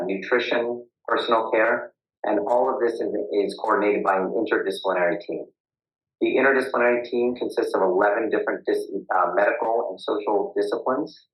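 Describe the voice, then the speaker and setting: Man with muffled tin-can sound. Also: on the low side. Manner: hesitant, restarts with uh and um. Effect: muffled tin-can sound, as if talking into a can. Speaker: witness at a public hearing. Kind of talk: formal testimony with many fillers. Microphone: video call. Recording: echoey, dull lo-fi video call audio.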